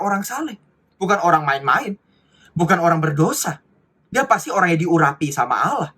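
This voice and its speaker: A man putting on a mouthy, high-pitched blind man. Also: sharp tone, slightly rough, exaggerated voice. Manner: mouthy, exasperated street slang. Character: cheeky, snappy man born blind.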